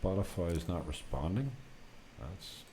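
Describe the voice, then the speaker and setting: A man with a deep, mellow voice hosts a casual, unscripted podcast from an apartment set up for recording, unhurried and animated as he rambles through anecdotes. He speaks in an unfiltered way with some mild swearing, and there's noticeable background noise.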